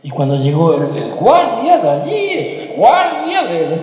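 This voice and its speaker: A man from telling a joke with a moral, animated and emphatic, repeating phrases. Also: high voice, measured pace, dull audio. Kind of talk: storytelling with a moral lesson. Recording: echoey hall reverb.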